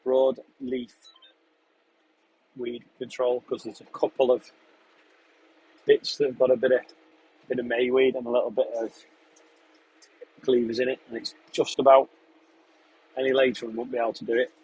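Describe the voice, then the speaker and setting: A young English farm contractor talks in a husky, breathy voice at an everyday pitch. He is relaxed and chatty, reading out viewer questions and narrating his job as he goes. He is speaking from inside a tractor cab. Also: moderate pace, long pauses, poor audio. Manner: relaxed, chatty, answers questions between running commentary on the job. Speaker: farm contractor live-streaming while spraying a field. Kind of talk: casual live-stream chat reading viewer questions.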